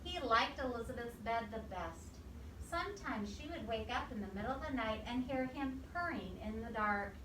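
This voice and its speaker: A woman with a highish voice reads a picture story aloud to young children at normal speed, expressively pausing to ask them simple questions. She sounds distant and echoey, with noticeable noise in the background.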